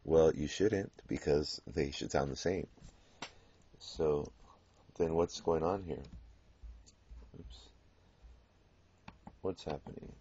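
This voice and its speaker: A man teaching a Spanish grammar lesson, explaining patiently and pausing on fillers as he works through examples. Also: rumbling low, warm tone, slightly rough. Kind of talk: classroom grammar lecture. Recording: dull lo-fi classroom recording.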